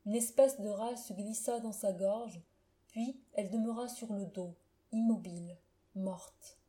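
A woman narrating a classic short story in a measured, solemn literary reading. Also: mid-range voice, mellow.

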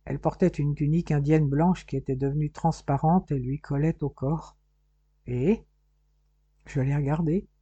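A reserved, smitten young man, read by a woman in a novel, confiding in a quiet, reluctant way. His tone is very mellow. The recording sounds dry and dull. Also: sits low, moderate pace, husky, no echo.

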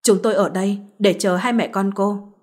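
A woman voicing a wealthy middle-aged mother who speaks coldly and reproachfully, in a husky voice. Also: medium pitch, steady tone, moderate pace, darkish tone, close to an everyday voice. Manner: cold, reproachful.

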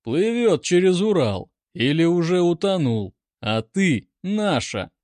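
Man playing an arrogant officer, mocking, commanding, drawn-out delivery, slightly raised voice. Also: high-pitched, very animated, darkish tone, dry recording, studio quality, pitched above the performer's own voice, exaggerated voice.

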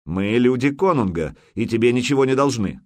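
A man's voice: medium pitch, expressive, a little fast, dry recording, close to an everyday voice. A man voicing a huge gray-bearded old warrior chief who taunts and bellows. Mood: defiant.

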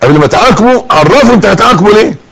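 A man's voice: high-pitched, racing, background noise. A middle-aged man with an Egyptian accent giving a sermon, acting out small scenes as he talks. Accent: Egyptian Arabic. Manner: lively, acts out little scenes with rising and falling voice. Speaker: preacher.

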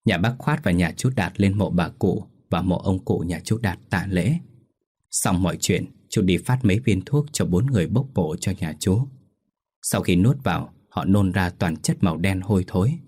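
Male storyteller, deep voice, husky, steady ghost story reading. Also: normal speed. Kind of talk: scripted ghost story narration.

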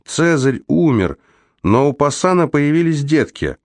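A man voicing a big shaggy man in an audiobook, calling out loudly and coaxing enthusiastically, in a low, dry voice raised well above his own. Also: huge pitch swings, moderate pace, dry recording. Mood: eager. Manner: calls out loudly, enthusiastic and persuasive.

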